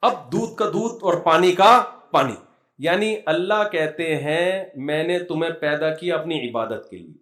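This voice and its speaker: A middle-aged Islamic preacher gives a religious talk, his slightly high, fairly bright voice carrying funny stories. He tells them in a chatty, humorous, conversational way.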